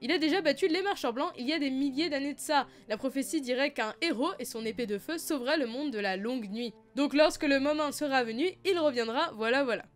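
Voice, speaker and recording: A young woman vlogger talking casually about fan theories, playful and self-mocking, her voice slightly hoarse. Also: high voice, fast, hardly any pauses, faint music behind. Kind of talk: casual chatty video commentary.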